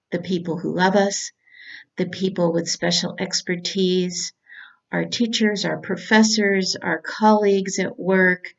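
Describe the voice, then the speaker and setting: A middle-aged woman from California, a cancer doctor giving a prepared talk in a measured, earnest way. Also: lowish voice, creaky, dull audio.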